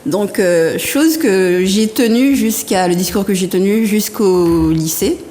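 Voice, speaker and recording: A woman in her thirties from Martinique, a guest artisan telling her story in a soft, hesitant, often laughing way. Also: medium pitch, slow. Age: 30s. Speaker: guest artisan and interior decorator. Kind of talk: casual interview talk. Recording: reverberant room with faint background noise.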